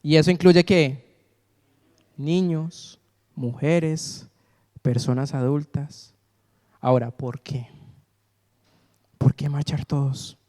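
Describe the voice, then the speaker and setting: Speaking slowly with long pauses, this male pastor has a fairly high, mellow voice and a steady tone. He leads his congregation in call-and-response, repeatedly prompting them to fill in the missing word, and the sanctuary's long hall reverb lingers around him.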